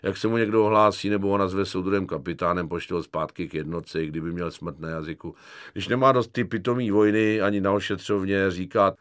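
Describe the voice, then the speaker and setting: A man's voice: deep voice, a bit bright, clean tone, no room sound, studio quality. A man doing a wisecracking army medic. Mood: mocking. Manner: slangy, mocking, chummy. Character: cynical joking army medic corporal, young man. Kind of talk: audiobook character voice.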